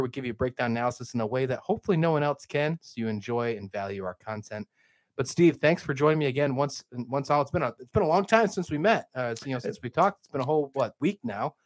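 A man hosting a college sports podcast, hoarse from being sick, wrapping up the show and promoting episodes in an upbeat way. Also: medium pitch, no room sound. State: hoarse from illness. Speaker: podcast host.

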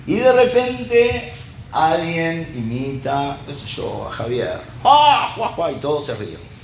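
A man's voice: a little high, takes it slowly, reverberant, a little hiss or hum. A middle-aged man with a Rioplatense Spanish accent giving a conversational sermon, tossing rhetorical questions and little check-ins at his listeners.

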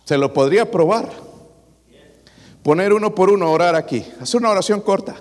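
A man's voice: sits high, lively intonation, brisk, long reverb tail. A man preaching a sermon as pastor, asking the congregation rhetorical questions.

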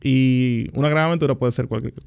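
A young man, a podcast guest, telling his story in a relaxed, animated and joking way. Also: mid-range voice, brisk, vocal fry, smooth. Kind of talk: casual interview conversation.

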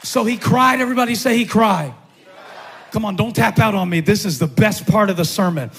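A man preaching a sermon as a pastor, in a rhythmic style that stacks repeated phrases and climbs to shouts. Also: high-pitched, brisk, husky, some chatter behind.

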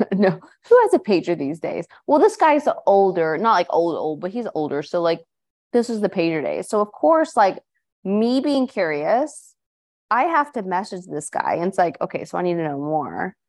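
A woman's voice: fairly low pitch, big pitch swings, moderate pace, a little mellow. Chatty woman podcast host reading stories. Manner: chatty, reads listener stories aloud with asides. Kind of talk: casual podcast chat.

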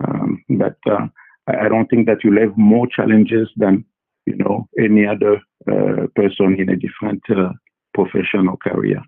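Halting husky man on a tinny line. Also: on the low side, level tone. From Congo. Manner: halting, many fillers and repeated words. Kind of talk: casual interview answers.

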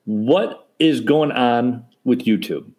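A man's voice: mid-range voice, slow pace, darkish tone, slight background noise. A man co-hosting a podcast, chatting casually and joking with his co-host. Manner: joking, banter. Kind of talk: casual chat.

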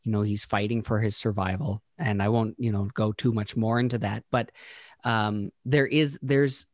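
A man co-hosting a casual podcast discussion, talking in a thoughtful, halting way with frequent restarts while he works through ideas. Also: fairly low pitch, steady tone, no echo, studio quality. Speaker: podcast co-host.

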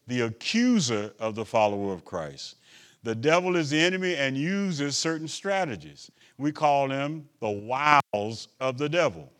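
A male bishop preaching a sermon, asking "Amen?" of the congregation, swinging between loud emphatic lines and quiet asides. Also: medium pitch. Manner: preaching with call-and-response asides.

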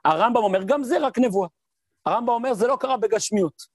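High-voiced rabbi telling a lively story. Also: male voice, dry recording. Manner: lively storyteller who mimics sounds and voices; asks rhetorical questions and answers them. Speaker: rabbi teaching a class. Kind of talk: Torah lesson with storytelling.

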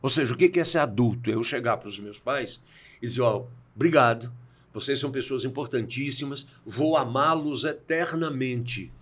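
A man's voice: medium pitch, moderate pace. A man in his sixties from Brazil speaks as a podcast guest with a mid-range voice. He tells personal stories in a reflective way and acts out the voices in the conversations he recalls. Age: 60s. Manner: reflective, acts out quoted dialogue. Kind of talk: storytelling in a conversation.

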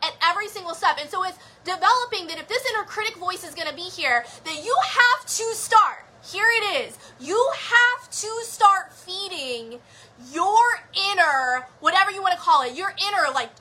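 Energetic woman host, very high and bright-toned, emphatic motivational coach on a live stream. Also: a little hiss or hum. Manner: energetic, emphatic, quick asides with laughs. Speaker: show host, business mindset coach. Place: indoor room, streaming live.

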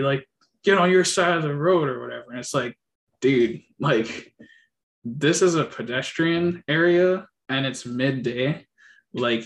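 A man telling a personal story in a relaxed, hesitant way, with many fillers and restarts. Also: medium pitch, a little hiss or hum. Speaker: interviewee. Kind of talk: casual personal account.

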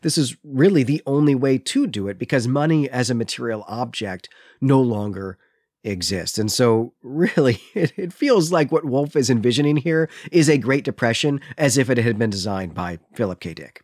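This podcast co-host is a man with a mid-range, darkish voice speaking at normal speed, captured in studio quality without echo. He retells and explains a story conversationally, sounding lightly amused as he recaps and comments on the book.

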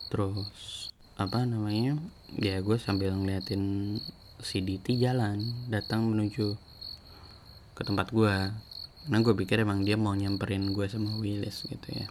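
A man's voice: fairly low pitch, flat delivery, measured pace, long pauses, background noise. A man casually telling a story from his school days, rambling with restarts. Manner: rambling, with many restarts and fillers.

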